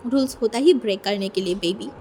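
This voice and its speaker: A woman's voice: medium pitch, a little fast, husky. A woman voicing a possessive, teasing young male lover in a fan fiction reading, talking in a coaxing, playful way. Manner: coaxing, playful, soft-spoken. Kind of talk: fan fiction read aloud.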